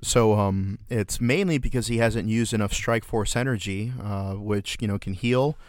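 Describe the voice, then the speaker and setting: A man banters as a podcast co-host. His voice is smooth and a little low, recorded dry and close. He rambles through sardonic asides and swears casually. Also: normal speed, dry recording.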